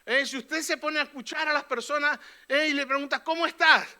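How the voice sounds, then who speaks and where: A male pastor delivers a fervent sermon in church. His voice is extremely bright and sharp, and his pitch sits very high for a man. He keeps checking in with his listeners through short questioning tags. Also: steady tone, a little fast.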